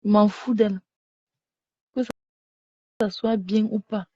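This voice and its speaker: This woman's voice is medium in pitch, steady, measured, and dark in tone. As a live streamer lying at home, she delivers a repetitive, scolding monologue to viewers into a phone she has set down. No echo is present, but the phone audio is dull and lo-fi.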